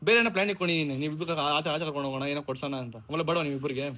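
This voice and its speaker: Man, casual vlog host, insistent and coaxing, fast talker, high voice. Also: bright, forceful tone. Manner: coaxing, insistent, talks over others. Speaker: vlogger mediating a family quarrel.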